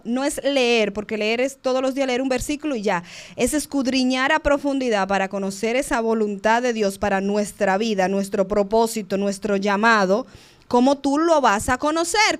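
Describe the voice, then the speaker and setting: Lively, smooth-voiced woman co-host. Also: fairly high pitch. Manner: animated, expressive, acts out examples. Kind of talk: casual faith discussion.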